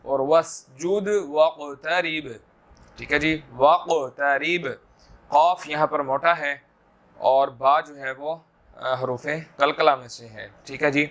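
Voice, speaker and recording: A man's voice: a little high, steady tone, a bit bright. Man teaching Quran recitation. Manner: chants verses slowly, then explains rules briskly; checks in with listeners, asking "theek hai ji". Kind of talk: tajweed lesson with slow recitation.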